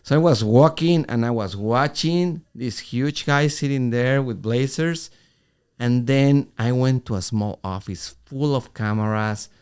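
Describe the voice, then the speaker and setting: A middle-aged man co-hosting a podcast, telling an animated story in casual talk with halting restarts. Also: mid-range voice, clear, resonant tone. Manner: animated, acts out quoted voices, halting restarts. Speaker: podcast co-host.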